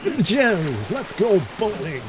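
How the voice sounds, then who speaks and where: A man's voice: high voice, very animated, slow, background noise, voice pushed up, heavily acted. A man voicing a boisterous Eastern European man calling up his cousin, in a mock Eastern European accent.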